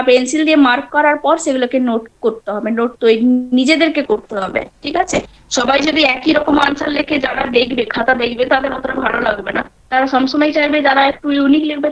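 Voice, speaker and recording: A middle-aged woman with a Bengali accent, teaching an online class on a video call in an explanatory manner. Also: high-pitched. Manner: explanatory, scolding students now and then, fillers and restarts. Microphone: laptop or phone mic on a video call.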